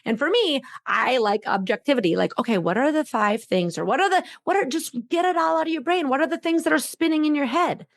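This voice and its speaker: A middle-aged woman with a high voice talks in a podcast interview as a guest doctor and coach. She is emphatic and acts out people's anxious thoughts in quoted asides. The sound is close and dry, with no room around it. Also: animated, a little fast, creaky, hardly any pauses, no echo. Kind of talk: podcast interview, animated advice.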